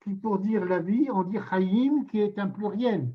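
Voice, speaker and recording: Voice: mid-range voice, measured pace. Student's remark, dull muffled sound. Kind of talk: remark in a class.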